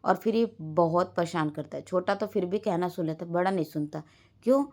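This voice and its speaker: A mother narrates her busy day in a loose, rambling voice-over for a home vlog, often slipping into her children's words. Her voice sits on the low side for a woman. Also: brisk, a little mellow. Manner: rambling everyday storytelling, quoting her children. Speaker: vlogger and mother.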